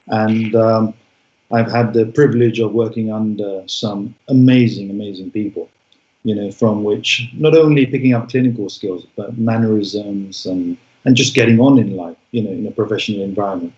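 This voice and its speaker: A man in his forties, born in Bangladesh, speaking as an interview guest in a reflective way, with frequent pauses and restarts. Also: lowish voice, darkish tone. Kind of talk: interview conversation. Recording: echoey room, dull sound.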